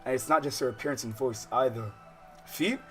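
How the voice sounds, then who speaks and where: A fairly quick, slightly bright-sounding American man hosts a livestream of a visual novel; his pitch is ordinary, if lower than some. Over the game's music he reads text aloud, repeatedly derailing into slangy, profane, rambling asides.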